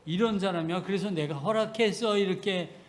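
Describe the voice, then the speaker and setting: A man preaching gives voice to a stern God who scolds his people with blunt, rapid-fire questions. The voice sits high for a man and hits hard on each rebuke. It stays in the plain register of a sermon. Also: lightly acted. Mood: scolding.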